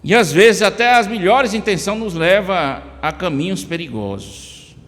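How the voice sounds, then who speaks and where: Man, Brazilian Portuguese accent, emphatic sermon delivery in a slightly high voice, church hall echo. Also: expressive, moderate pace, a bit bright. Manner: addresses listeners by name, emphatic rises. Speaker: preacher.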